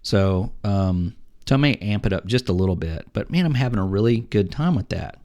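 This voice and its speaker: A middle-aged man co-hosting a podcast, telling rambling, animated stories about the games he plays and acting out the other players. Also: lowish voice, brisk. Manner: rambling, animated storytelling with acted-out quotes. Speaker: podcast co-host. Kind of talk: casual chat about video games.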